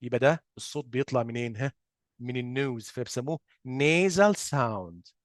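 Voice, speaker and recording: A man's voice: mid-range voice, animated, no echo, clean studio sound. A man with an Egyptian Arabic accent teaching phonics in an explanatory lesson, posing questions and answering them himself and drawing out example sounds. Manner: drawn-out sound demonstrations.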